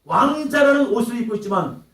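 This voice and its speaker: A man preaching with a high, wide-ranging voice that leaps up and drops to a hush. His delivery is dramatic and theatrical, and he voices quoted lines in character. The recording is roomy and picked up from a distance in a church hall. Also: expressive, a little fast. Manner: dramatic, swinging between loud outbursts and hushed lines; acts out taunting quotes in character. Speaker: pastor. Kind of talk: sermon. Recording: echoey hall, mic at a distance.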